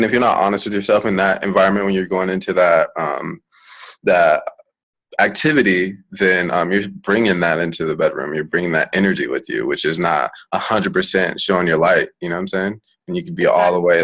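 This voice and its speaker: Male host, very deep voice, casual and supportive interviewer. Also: fairly bright tone, low-quality recording. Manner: affirming, fills pauses with frequent "mm-hmm". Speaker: podcast host.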